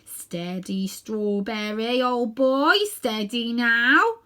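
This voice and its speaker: An earnest, rough-edged cabby performed by a woman storyteller, plain-spoken and colloquial. The pitch sits high and swings about in animated storybook fashion. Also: very slow, exaggerated voice. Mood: coaxing. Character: rough, coaxing working-class male London cabby.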